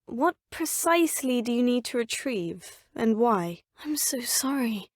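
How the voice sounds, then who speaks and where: Recorded dry on a close studio mic with no echo or room sound, this player character is a courteous young witch student whose slightly high voice has a soft, breathy edge. In these game voice clips her polished, formal lines come out animated and a little slow, curious and polite.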